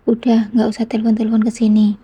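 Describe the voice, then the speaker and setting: A woman reading the lines of a rude older mother who scolds down the phone, in a dark, flat voice. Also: fairly high pitch, fast talker, husky. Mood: scolding.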